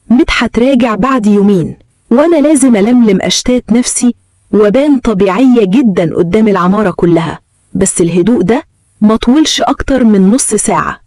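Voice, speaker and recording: Fast, tense Egyptian woman narrator. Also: medium pitch, darkish tone, dry recording, clean studio sound. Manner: tense, dramatic storytelling. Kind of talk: first-person story narration.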